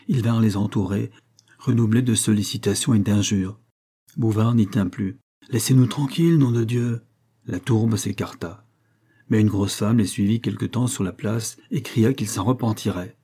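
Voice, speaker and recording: A male audiobook narrator with a low, mellow voice and a slightly husky grain. He reads a classic novel in a measured, even manner.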